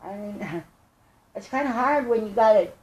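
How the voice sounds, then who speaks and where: An older woman with a squeaky, chipmunk-like helium voice, speaking earnestly and haltingly in a rambling personal monologue. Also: expressive, darkish tone, a little hiss or hum. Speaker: vlogger. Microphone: tablet microphone. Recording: echoey room.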